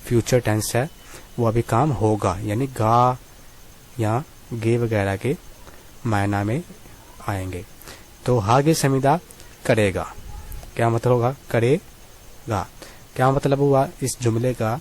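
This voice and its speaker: A man teaching a Korean reading lesson, reading sentences slowly and repeating them, then asking and answering his own questions politely. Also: mid-range voice, a little mellow, slight background noise. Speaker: language teacher.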